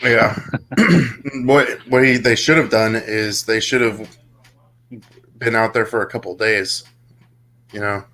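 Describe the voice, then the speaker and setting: A man's voice: fairly low pitch, fairly even intonation, slow, pauses often, bright, forceful tone, slight background noise. A young man casually telling a long story on a podcast, rambling with many fillers and restarts. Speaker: podcast co-host.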